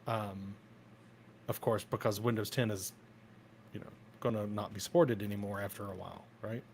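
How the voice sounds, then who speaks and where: A man co-hosting a live show in casual chat, explaining things step by step and checking in with quick tag questions. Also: lowish voice, fairly even intonation, slight background noise. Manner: explains step by step, keeps asking "right?". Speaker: podcast co-host.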